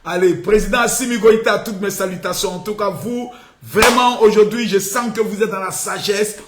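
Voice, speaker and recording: A man hosting a live stream, mocking and scolding loudly and often shouting. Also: high-pitched, moderate pace. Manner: loud taunting mock-scolding, often shouting. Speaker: livestream host. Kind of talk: mocking satirical live commentary. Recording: echoey room with faint noise.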